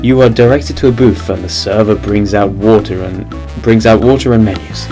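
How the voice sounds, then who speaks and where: A man's voice: fairly low pitch, normal speed, music in the background. A man reading a game's text aloud and joking about it in wry asides. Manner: wry, laughs at the dark twists. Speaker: game streamer.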